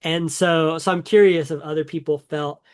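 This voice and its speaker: A man's voice: a little high, fairly even intonation, moderate pace, clean tone. A man co-hosting a casual gaming podcast, talking in an enthusiastic, rambling way with many fillers and restarts. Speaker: podcast co-host.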